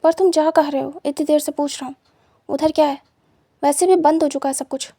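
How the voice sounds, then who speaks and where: A composed male teacher who speaks in terse, firm sentences, voiced by a woman in a high but flat and even tone. The sound is warm and dry, close to the mic. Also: a little fast, dry recording, natural voice. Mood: questioning. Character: calm stern male teacher, reserved.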